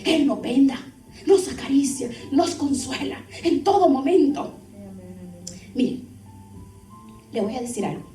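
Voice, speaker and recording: A woman's voice: sits high, lively intonation, measured pace, pauses often, warm tone. A woman pastor preaching a fervent sermon, speaking straight to her congregation. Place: church hall. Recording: echoey room, heard from a distance, faint music.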